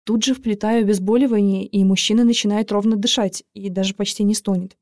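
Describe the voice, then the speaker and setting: A woman narrating a first-person audiobook in a lively, expressive way. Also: medium pitch, fairly quick, no room sound, studio quality.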